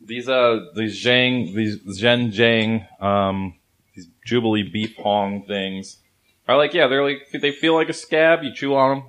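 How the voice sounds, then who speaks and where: A man's voice: mid-range voice, steady tone, a little slow, a bit bright. A man hosting a casual snack review, rambling and laughing between swears. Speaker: host.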